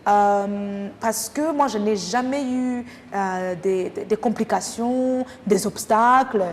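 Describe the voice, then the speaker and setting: This Rwandan woman, a French teacher appearing as an interview guest, talks slowly in a mid-range voice with a Rwandan French accent. Her answers are thoughtful and hesitantly phrased. Noise and a long hall echo fill the recording.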